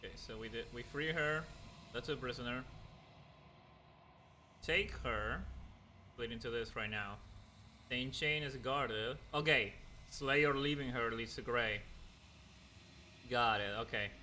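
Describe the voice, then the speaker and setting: Gamer, man, very bright tone, casual and halting commentary, faint noise. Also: mid-range voice. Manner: casual, hesitant, thinking aloud, laughs. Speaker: let's play gamer. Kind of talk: thinking aloud over gameplay.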